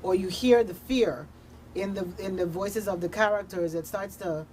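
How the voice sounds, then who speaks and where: Here a radio drama producer, a guest in the studio, takes part in a discussion, speaking earnestly and conversationally and repeating phrases to stress her points. Her mid-range voice is a little mellow and moves at normal speed. The poor audio carries noticeable background noise and room ambience.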